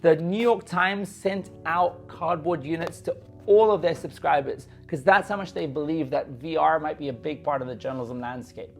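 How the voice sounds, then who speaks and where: A man's voice: fairly high pitch, moderate pace, creaky, soft background music. A man giving an eager, conversational lecture to camera about journalism and talking straight to viewers. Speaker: journalism instructor.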